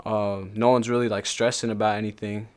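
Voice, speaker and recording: A man's voice: fairly low pitch, level tone, fairly quick, a crowd in the background. A man in his twenties, a rapper from Salt Lake City, chatting in a laid-back, slangy way with lots of fillers. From Salt Lake City, Utah. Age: 20s. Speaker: rapper, interviewee. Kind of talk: casual chat.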